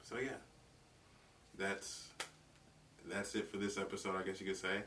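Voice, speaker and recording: A young man from South Carolina talks alone on his podcast, easygoing and rambling, full of fillers and slang. His voice sits low and stays flat. He sounds a little far from the mic, with faint noise behind him. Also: a little slow. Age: 20s. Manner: laid-back, rambling, lots of fillers and slang. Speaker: podcast host. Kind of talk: casual solo podcast talk.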